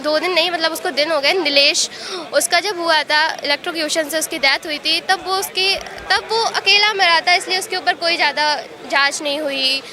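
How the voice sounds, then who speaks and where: A very high female voice at a moderate pace, with hardly any pauses and crowd noise around her. A young exam aspirant from Uttar Pradesh, India, she gives a street interview outdoors at a protest, speaking earnestly and upset in long runs that mix in English words.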